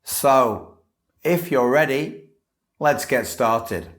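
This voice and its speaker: A man speaks in a clear, careful, measured way. He teaches English and gives scripted model answers as a candidate in a mock test. His voice sits at a middle pitch. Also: fairly bright tone.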